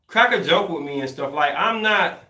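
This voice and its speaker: A man co-hosting a podcast in casual chat, laid-back and slangy, getting animated when he rants. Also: fairly high pitch, normal speed, reverberant. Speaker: podcast co-host.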